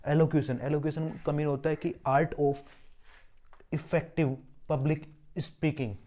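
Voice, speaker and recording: Male vocabulary teacher for exam prep, slightly higher voice with a mellow tone, spells words out and explains roots. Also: flat delivery, takes it slowly, lo-fi sound. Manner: repeats words and asks himself rhetorical questions.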